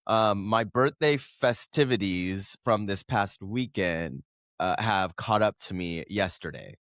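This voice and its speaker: A man's voice: on the low side, takes it slowly, fairly bright tone, no room sound, clean studio sound. A man in his thirties hosting a solo podcast, chatting casually and rambling, correcting himself and laughing often, while coming down with a cold. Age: 30s. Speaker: podcast host.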